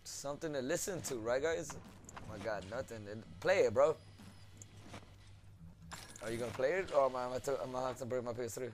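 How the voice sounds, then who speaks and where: A young man giving casual, excitable let's play commentary, swearing and laughing often over game sound on a noisy home recording. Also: mid-range voice, quick pace.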